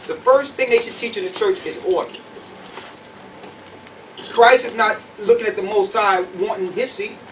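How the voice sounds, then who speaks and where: A high-voiced man teaches scripture verse by verse at normal speed, pausing often. He's emphatic and didactic, regularly checking with short questions that listeners are following, recorded on a distant mic with faint background noise.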